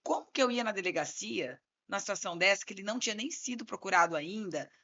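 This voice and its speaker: A woman's voice: medium pitch, expressive, quick pace, bright, forceful tone. A woman with a Brazilian Portuguese accent, a criminal defense lawyer co-hosting a podcast, telling a story and acting out both sides of a phone call.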